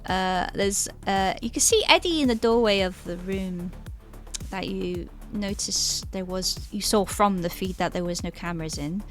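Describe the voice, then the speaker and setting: A woman's voice: mid-range voice, normal speed, soft background music. A woman running a tabletop game, narrating in a casual, rambling way. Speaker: game master.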